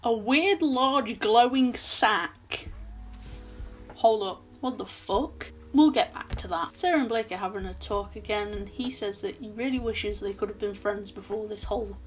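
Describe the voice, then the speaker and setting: A woman's voice: mid-range voice, measured pace. A young woman recapping a horror film in a casual, chatty way with sarcastic asides, filmed in a small bedroom at her desk. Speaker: film reviewer.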